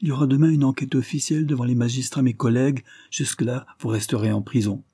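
A man's voice: medium pitch, steady tone, fast, mellow, breathy edge, no room sound, studio quality, pitched above the performer's own voice. A man voicing a stern older squire who speaks harshly and with mockery, in an audiobook reading. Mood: scornful. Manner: harsh, curt, mocking.

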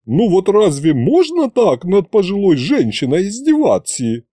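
A man voicing a brash, indignant older woman who shouts in folksy dialect speech. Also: sits high, huge pitch swings, measured pace, no echo, studio quality, voice pushed up, exaggerated voice.

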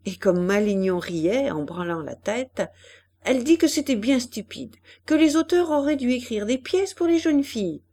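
Female audiobook reader, expressive, acts out characters, lively delivery. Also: fairly high pitch, moderate pace. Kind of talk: audiobook narration.

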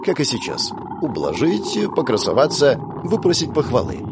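A man's voice: medium pitch, wildly swooping pitch, normal speed, very noisy. A man narrating a first-person story with wry, crude asides. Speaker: audiobook reader.

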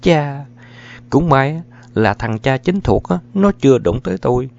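A man voicing a sharp-tongued young mother who scolds in rapid, shrill accusations, on a dull lo-fi recording. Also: animated, gravelly. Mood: accusing.

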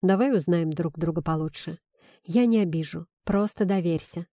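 A confident, tender male doctor, as a woman reading the story puts him on, coaxing and teasing in a soft, low hush. The storybook voice sounds mellow and dark. It is close and dry, with no room around it. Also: normal speed, no room sound, lightly acted. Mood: gentle teasing.

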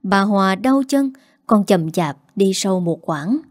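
A woman narrating a first-person story with a steady, even reading. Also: medium pitch, measured pace, no room sound, clean studio sound.

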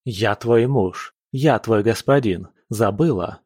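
A man reading an audiobook, playing an arrogant nobleman husband who shouts and blusters. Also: lowish voice, slow, breathy edge, no echo, clean studio sound. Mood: blustering.

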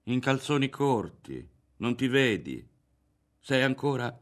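A man's voice: medium pitch, very animated, slow, voice pushed up. A man voicing a cool, dismissive young woman. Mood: stern. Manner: teasing, then stern and cutting.

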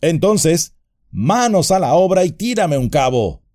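Man putting on a young hobbit, high lifted voice, lively swings, calling out, audiobook. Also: unhurried. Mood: irritated. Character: young male hobbit in peril, dignified.

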